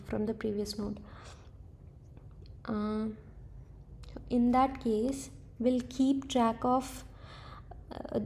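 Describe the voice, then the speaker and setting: A woman's voice: on the high side, mellow. A woman thinking aloud as she works through a coding problem, hesitant and correcting herself as she goes. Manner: hesitant, tentative, self-correcting. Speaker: coding tutor.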